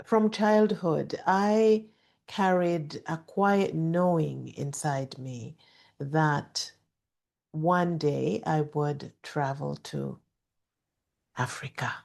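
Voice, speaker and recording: Slow, low-voiced woman with a soft, gentle delivery. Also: creaky. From Jamaica. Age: middle-aged. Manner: gentle, measured, deliberate pauses. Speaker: podcast host. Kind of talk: reflective personal storytelling with calming guided-meditation delivery.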